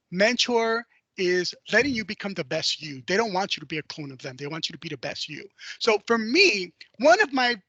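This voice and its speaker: A man giving a prepared personal speech, telling a story expressively and swinging from loud to hushed. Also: a little high, no room sound, rough recording. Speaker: club speaker.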